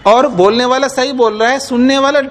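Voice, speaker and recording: A man with a high-pitched voice teaches a class, speaking with a Hindi accent. He explains patiently, repeats his examples and keeps checking that his students follow. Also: fairly even intonation, brisk. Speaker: teacher of Nyaya philosophy.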